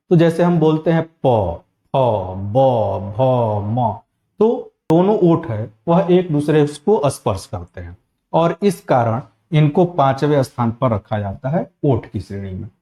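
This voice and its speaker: Mellow-voiced man teaching a lesson. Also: a little high. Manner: slow, methodical, spells out sounds one by one. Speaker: Hindi teacher. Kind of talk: spoken grammar lesson.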